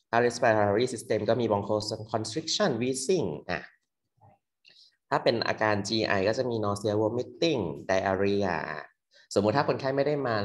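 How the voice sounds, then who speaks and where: Young man giving a fast casual medical tutorial. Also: lowish voice. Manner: quick, loose explaining with many fillers. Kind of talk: casual exam review lecture. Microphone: computer mic on a screen recording.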